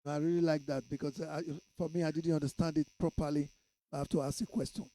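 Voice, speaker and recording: Mellow Nigerian radio host, playfully probing. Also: male voice, a little high, level tone, fast talker, low-quality recording. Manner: probing, playful questioning with pidgin touches. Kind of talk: radio interview.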